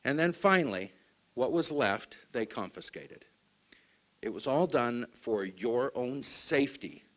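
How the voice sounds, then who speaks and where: A man from Utah giving a public talk to an audience, asking them questions and swinging between loud stresses and hushed asides. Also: medium pitch. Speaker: speaker at a group meeting.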